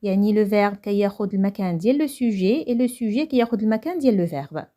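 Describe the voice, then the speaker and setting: A woman's voice: mid-range voice, animated, rapid-fire, dark tone. A young woman with a Moroccan accent teaching a French grammar lesson, who explains each point and then repeats it in Moroccan Arabic.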